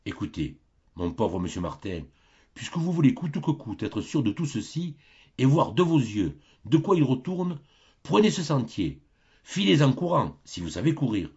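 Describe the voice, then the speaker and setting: Un homme qui joue un grand ange aux ailes sombres, à la voix rauque et dolente, tenant un grand livre dans un conte lu. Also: male voice, mid-range voice, sing-song, moderate pace, darkish tone, muffled recording, exaggerated voice. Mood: impatient. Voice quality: hoarse and doleful. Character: grand dark-winged angel keeping hell's book.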